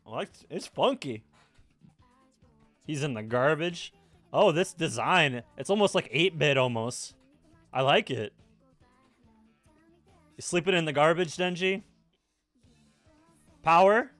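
A young man casually reacting to and discussing an anime episode at home, laughing often and breaking into loud exclamations. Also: on the high side, animated, takes it slowly, pauses often, no echo, soft background music. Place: home room with a red-walled display shelf, indoors.

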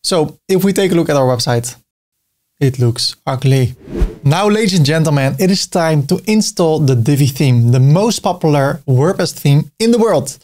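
This tutorial host, a middle-aged Dutchman and native speaker with a Dutch accent, has a voice on the high side with lively intonation, a moderate pace, and a darkish tone. He demonstrates website building on a screen recording, chatting amiably and joking a little as he clicks.

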